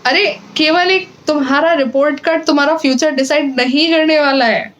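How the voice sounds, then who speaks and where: High-voiced teenage girl giving earnest advice. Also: fairly even intonation, moderate pace, fairly bright tone, muffled recording. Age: teens. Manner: earnest, encouraging, many fillers and restarts. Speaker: student vlogger. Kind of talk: casual advice talk to camera.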